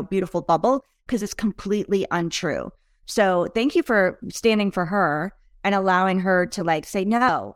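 Upbeat, encouraging woman host, lowish voice. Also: no room sound, studio quality. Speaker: podcast host. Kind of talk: casual interview chat.

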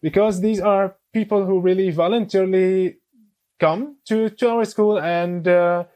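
A man in his twenties from Syria, a guest on a podcast, speaking English with many pauses, fillers and restarts. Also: sits high, fairly even intonation, dark tone. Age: 20s. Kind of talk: casual interview.

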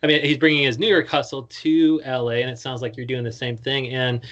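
A man's voice: mid-range voice, level tone, brisk, a bit bright, muffled recording. A man hosting a casual interview podcast, talking in slangy, swear-filled, run-on questions. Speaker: podcast host.

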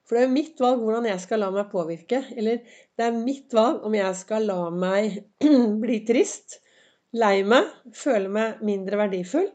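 A woman hosting a podcast in a chatty, encouraging motivational monologue, her voice slightly hoarse and her throat often cleared, with many fillers. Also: on the high side, darkish tone. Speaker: podcast host. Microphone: semi-pro recording setup.

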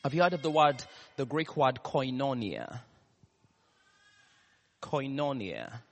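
A male preacher with a Ugandan, East African accent speaks in a reverberant hall. His delivery is slow and deliberate, with pauses and repeated key words. He turns to the congregation with questions as he preaches. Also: medium pitch, sing-song. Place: large reverberant room, live church service. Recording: echoey hall with long reverb.

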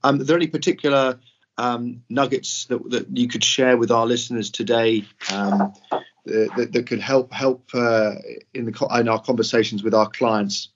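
A man hosting a podcast interview in a polite, halting manner. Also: mid-range voice, steady tone, highs cut off.

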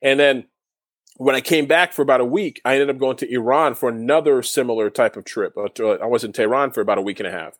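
A man's voice: mid-range voice, fast talker, no room sound, studio quality. A man, a guest in a casual interview, telling his story in a rambling way with many restarts. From Canada. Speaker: guest, former overseas basketball player.

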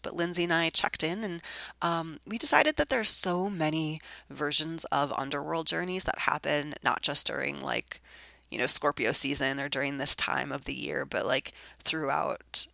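Gravelly, sick-voiced woman podcaster. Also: deep voice, bright, forceful tone, no echo. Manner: rambling, with frequent ums and likes. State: sick, hoarse voice. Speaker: podcast host. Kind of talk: casual solo podcast chat.

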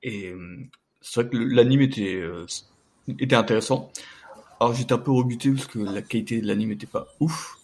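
A man in a casual chat, soft-spoken and hesitant with many fillers. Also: mid-range voice, fairly quick. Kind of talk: casual chat about manga.

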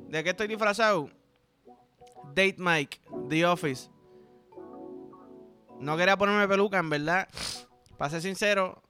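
A man's voice: a little high, pushed and bright. A young man with a Puerto Rican accent hosting a casual comedic podcast. He rambles in a crude, playful way and keeps checking in with the listener. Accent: Puerto Rican Spanish. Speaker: podcast host.

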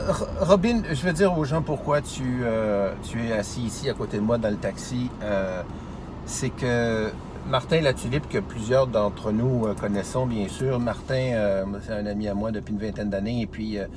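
A man's voice: on the low side, normal speed. A man with a Québécois French accent hosting a casual interview, chatty and speaking straight to his audience. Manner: chatty, addresses viewers directly, repeats for emphasis. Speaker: show host. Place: inside a taxi. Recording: very noisy, inside a car.

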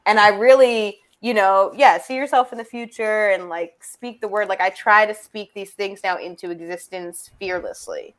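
A young woman in her twenties speaking as a guest in a casual interview. She tells her stories with energy, acts out what others said, and laughs often. Her voice sits at a middle pitch. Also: moderate pace, hardly any pauses. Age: 20s. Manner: animated storyteller, acts out quotes, laughs often.

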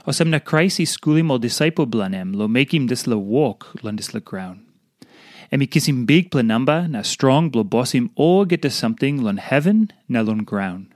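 A man's voice: mid-range voice, no room sound, clean studio sound. Papua New Guinean man reading devotional in Pidgin. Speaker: devotional reader.

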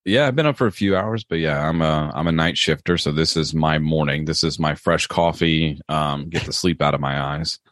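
A young man from Maryland, a police officer and podcast guest, talking casually with many pauses and restarts. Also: very deep voice, fairly bright tone, no room sound, clean studio sound. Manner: hesitant, many ums and restarts. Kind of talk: casual interview chat.

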